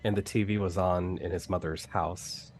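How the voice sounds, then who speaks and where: A man with a deep voice takes part in a tabletop role-playing game. He talks casually in character, as a player among others. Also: fairly even intonation, normal speed, breathy edge.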